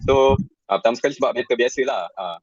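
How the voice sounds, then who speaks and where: Fast-talking young man, lo-fi sound. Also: mid-range voice, no room sound. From Perak, Malaysia. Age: young adult. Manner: chatty, many fillers, mixes in English words. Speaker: interviewee, university student. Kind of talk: casual interview answers. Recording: dull lo-fi sound.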